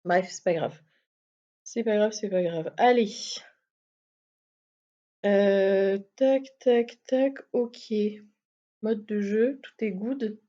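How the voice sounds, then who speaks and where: A woman's voice: medium pitch, extremely slow, long pauses, warm tone. A woman streaming a game live, chatting casually, swearing and laughing at herself. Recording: slightly muffled stream mic.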